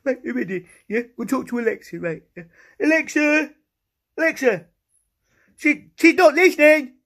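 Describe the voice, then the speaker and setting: A man voicing a silly, excitable talking potato, shouting and stumbling over his words. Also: extremely high pitch, moderate pace, heavily acted. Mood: excited. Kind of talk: comic vlog sketch.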